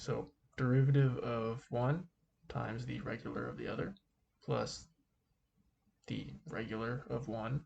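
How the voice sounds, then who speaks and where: A man speaking through a face mask, giving an informal calculus lesson in a halting way, thinking aloud as he goes. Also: mid-range voice, gravelly, darkish tone, a little hiss or hum. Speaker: math teacher.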